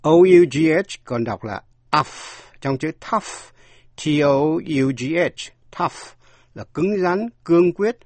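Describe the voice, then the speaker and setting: A man's voice: medium pitch, darkish tone, slightly rough, no room sound. A man teaching English vocabulary, spelling each word out letter by letter and then translating it. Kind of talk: slow spelled-out vocabulary lesson.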